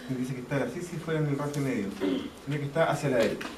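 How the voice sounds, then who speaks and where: A man's voice: medium pitch, quick pace, noisy background. A man giving an anatomy lecture in a classroom, explaining step by step, repeating key terms and checking that students follow. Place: lecture hall. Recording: echoey classroom, mic far off, faint ambience.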